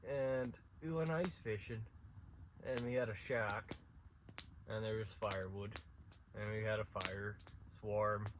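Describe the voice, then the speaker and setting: A man from central Saskatchewan, Canada, an outdoor vlogger, tells stories to his camera at night outside an abandoned school, rambling casually with restarts and chuckles. His voice is fairly low with fairly even intonation, unhurried and pausing often, with background noise around him.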